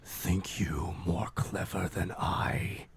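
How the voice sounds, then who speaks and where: Dark whispering spirit behind you. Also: male voice, deep voice, steady tone. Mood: menacing taunt. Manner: slow, sinister taunting. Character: taunting, menacing rot spirit hunting from the shadows.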